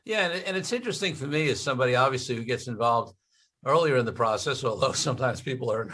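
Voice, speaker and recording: A man's voice: medium pitch, expressive, fast talker, fairly bright tone, a little hiss or hum. A male podcast host asking long, rambling questions full of fillers like "you know" and "um". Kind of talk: conversational podcast interview.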